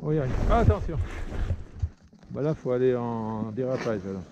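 A man with an expressive, mid-range voice at normal speed skis down a snowy mountain slope beside a forest, filming and shouting short, repeated words of encouragement to coach his children. Recorded on an action camera he wears, the audio is dull and lo-fi, with faint wind.

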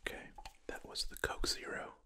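A young man whispering softly and unhurriedly into a close microphone as he hosts a finger-tapping ASMR video. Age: young adult. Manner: soft whispering, unhurried asides. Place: small dim bedroom studio, indoors. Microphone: close desktop microphone.

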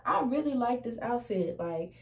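A woman's voice: on the high side, lively intonation, poor audio. Sassy young woman in a bedroom. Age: young adult. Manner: chatty, sassy slang, quick bursts. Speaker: fashion vlogger. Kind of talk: casual try-on haul chat. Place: small bedroom indoors. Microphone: camera across the room.

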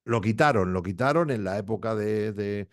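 A man's voice: on the low side, animated, moderate pace. A middle-aged man hosting a video-call interview from a home office, chatty and joking, asking long run-on questions. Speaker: host. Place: home office with framed posters.

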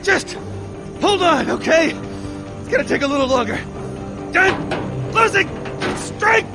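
A man's voice: very high-pitched, expressive, moderate pace, music in the background. An actor playing a panicky, awkward, self-deprecating young man in a video game, stammering and rambling. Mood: panicked, straining.

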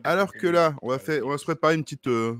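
A man's voice: on the high side, fast talker, a bit bright, soft background music. A man co-commentating a live speedrun, bantering playfully and joking about the run.

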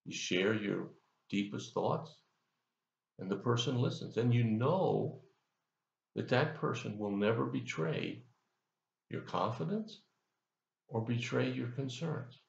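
An older pastor sits in a leather chair in his office, giving a folksy devotional sermon recorded on a webcam and asking the listener questions. His mid-range voice is expressive and slow, with vocal fry and frequent pauses. The sound is roomy and muffled.

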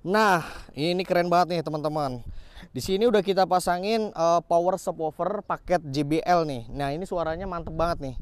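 A man's voice: fairly high pitch, fairly quick, clean tone, no room sound. A man giving a casual, enthusiastic walkaround of a modified car, showing off each upgrade and repeating his praise. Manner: enthusiastic, repeats "keren banget nih" and "teman-teman". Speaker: car workshop vlogger.

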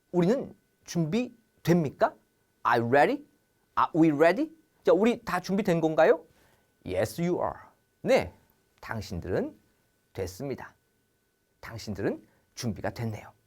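A woman teaching English grammar on a TV lesson, acting out question-and-answer pairs and drilling English phrases slowly between quicker explanations. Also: sits low, big pitch swings, a little mellow.

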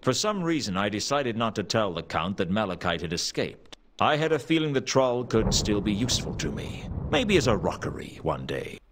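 An actor playing a hardboiled, dry and wry private detective in a noir video game. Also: male voice, on the low side, sing-song, moderate pace, hardly any pauses, fairly bright tone, slight background noise. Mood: wry narration. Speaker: game character, detective and narrator.

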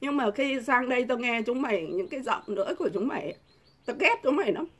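This middle-aged woman vlogger has a slightly high, expressive voice and talks quickly. Her to-camera political rant is furious and insulting, and she keeps throwing out rhetorical questions.

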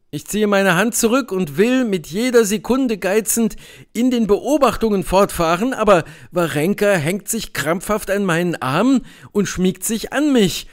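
High-voiced male audiobook narrator. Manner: lively, dramatic storytelling. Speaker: audiobook reader. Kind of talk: literary narration.

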